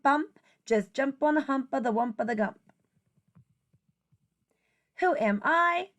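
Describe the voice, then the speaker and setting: With a high voice, a woman teacher gives a rhyming children's picture book a singsong reading, expressive and unhurried.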